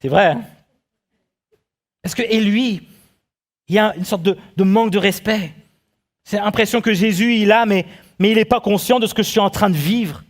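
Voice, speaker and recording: A man preaching a sermon as pastor, animated and full of rhetorical questions to his congregation. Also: high voice, a little fast. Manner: acts out the quotes he tells.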